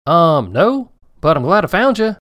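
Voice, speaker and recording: A man's voice: fairly high pitch, big pitch swings, measured pace, a bit bright, dry recording, clean studio sound, voice pushed up. A man voicing a cheerful old male farmer in a kids' storybook, with a homespun rural drawl. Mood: surprised.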